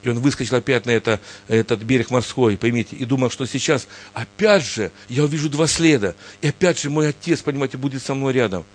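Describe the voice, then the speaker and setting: A man's voice: mid-range voice, fast, hardly any pauses. A man preaching a sermon with emphatic, repetitive appeals to his listeners. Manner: emphatic, repeats "understand, look" constantly. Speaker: pastor.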